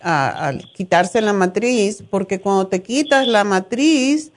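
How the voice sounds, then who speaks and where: Middle-aged female radio health host, mid-pitched, frank and opinionated, chatting familiarly with callers. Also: expressive, takes it slowly. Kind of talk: conversational call-in health advice.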